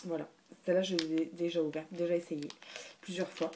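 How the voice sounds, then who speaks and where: A woman's voice: on the low side, fairly even intonation, brisk, noisy background. A woman chatting casually through a beauty haul video, hesitant, with many fillers and restarts. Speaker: beauty vlogger.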